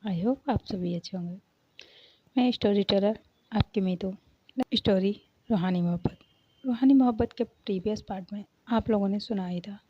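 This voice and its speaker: A woman storyteller greeting listeners and narrating a romance story episode in a slow, measured way. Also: mid-range voice, breathy edge. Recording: dull lo-fi recording.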